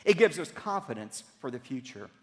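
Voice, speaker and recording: A man preaching a sermon, telling a story dramatically and rising to loud cries, then dropping low. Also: very animated, a little fast, big-room sound. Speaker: pastor.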